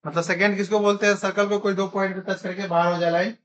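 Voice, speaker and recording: A man's voice: high voice, little pitch movement, fast talker, fairly bright tone, a little hiss or hum. Guy teaching math in a classroom, keeps asking the kids questions over and over. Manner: keeps quizzing students with repeated questions.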